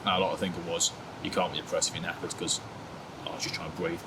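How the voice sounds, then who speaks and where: A man in his twenties chats candidly in an interview, laid-back and poking fun at himself while hedging with lots of "sort of" and "like." His deep voice is flat and fast, and the background is noisy.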